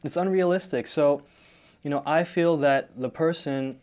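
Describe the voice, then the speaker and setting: A man in a casual Bible study discussion, measured and frank, often saying "you know". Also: fairly high pitch, darkish tone. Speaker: discussion participant.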